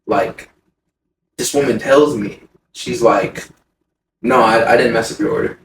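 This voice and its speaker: A man telling a story in casual podcast chat, swearing freely, his voice jumping much higher when he acts out his anger. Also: unhurried. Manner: animated, swearing, voice jumps high when retelling anger. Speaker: podcast co-host. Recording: roomy sound, mic a bit far, faint noise.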